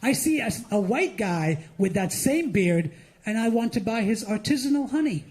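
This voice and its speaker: A middle-aged man from India performing an animated stand-up set as host of a live comedy benefit show. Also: high-pitched, normal speed. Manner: animated, mocking, with lively acted-out asides.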